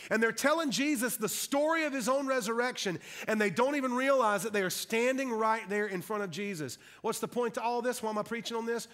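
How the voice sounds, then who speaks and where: A man's voice: very high-pitched, fairly quick, few pauses, fairly bright tone. A middle-aged man preaching an impassioned, fired-up sermon.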